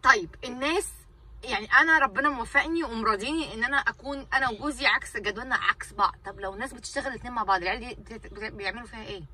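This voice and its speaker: Fast-talking exasperated Egyptian woman. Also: fairly high pitch, sharp tone, distant mic, poor audio. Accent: Egyptian Arabic. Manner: exasperated, ranting, repeats herself for emphasis. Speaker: vlogger and mother. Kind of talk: casual venting to camera.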